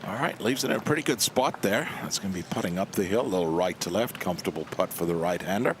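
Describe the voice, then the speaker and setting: A man's voice: deep voice, expressive, quick pace, a bit bright, slight background noise. A man giving live golf commentary in an informal, conversational way, as an analyst.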